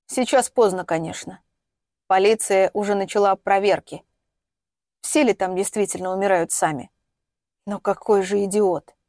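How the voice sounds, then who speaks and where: A woman reading as a stern, gruff middle-aged father. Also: mid-range voice, darkish tone, no echo, studio quality, natural voice. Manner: curt, scolding. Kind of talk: audiobook reading.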